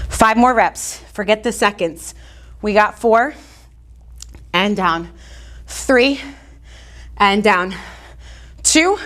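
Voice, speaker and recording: Breathless woman, aerobics instructor cueing slowly. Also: mid-range voice, fairly bright tone. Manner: encouraging, counting out reps in short commands. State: out of breath from exercising. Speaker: fitness instructor.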